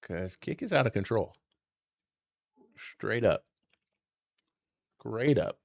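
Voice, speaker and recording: A man's voice: fairly low pitch, animated, slow pace, vocal fry, a little mellow, no room sound, clean studio sound. A young man hosting a casual gaming stream, chatty and laid-back, talking while his voice is worn. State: losing his voice. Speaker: streamer host.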